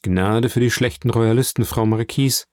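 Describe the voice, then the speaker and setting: A man's voice: medium pitch, steady tone, normal speed, darkish tone, no echo, clean studio sound, close to an everyday voice. A man voicing a young, ambitious royal prosecutor who speaks formally and courteously. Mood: reassuring.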